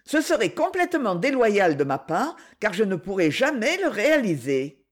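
A proud young woman, gentle yet firm, her voice lifted higher than the reader's own and moving freely in pitch, put on by a woman narrator. She speaks with quiet reproach and tenderness from an old romance novel audiobook. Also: sing-song, moderate pace. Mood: gently firm.

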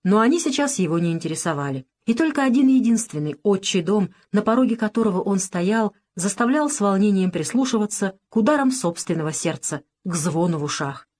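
A woman with a mid-range voice narrates a scripted audiobook, telling the story in a measured, expressive way.

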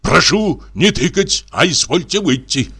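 A small, fussy steward, officious and prim, asking people to leave in a raised, bright voice, as a man reading the story puts him on. Storybook narration gives him a lightly acted turn. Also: fairly high pitch, expressive, measured pace, breathy edge, pitched above the performer's own voice, full character voice. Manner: prim, insistent politeness. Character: small flustered club steward, polite and officious.

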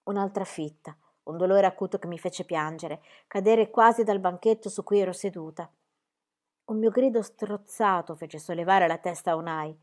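A woman's voice: fairly low pitch, normal speed, a little mellow. Woman narrating a novel in first person. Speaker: audiobook narrator.

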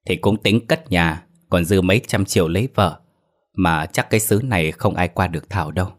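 A man's voice: deep voice, moderate pace. A man doing an earnest young suitor. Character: young man back from the city, eager suitor.

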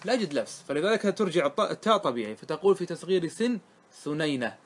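A man teaching a grammar lesson, reciting lines of verse slowly and then explaining them, often asking his students questions. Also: on the high side, lively intonation, breathy edge. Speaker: sheikh teaching Arabic grammar. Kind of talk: classroom lesson on a grammar poem.

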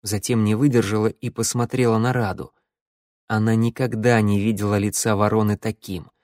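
A man narrating an audiobook in a steady, expressive way. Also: fairly low pitch, moderate pace, no room sound, studio quality.

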